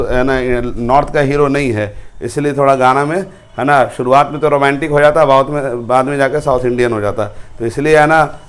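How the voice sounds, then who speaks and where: A man teaching a chemistry class, playfully quizzing students and slowly chanting memory rhymes. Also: on the high side, smooth. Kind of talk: classroom lecture with sung mnemonics.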